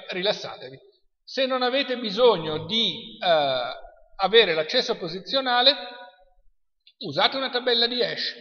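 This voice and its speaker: Bright Italian lecturer in a hall. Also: male voice, sits high. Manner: chatty, asks the class questions. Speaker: university lecturer. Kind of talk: classroom lecture. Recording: dull lo-fi sound in a reverberant hall.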